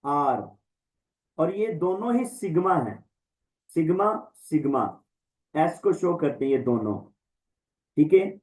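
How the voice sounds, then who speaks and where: Male teacher, online class, slow deliberate drilling, somewhat high-pitched. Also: animated, darkish tone, poor audio. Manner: slow, repetitive recitation, drawing out letter names. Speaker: Greek teacher.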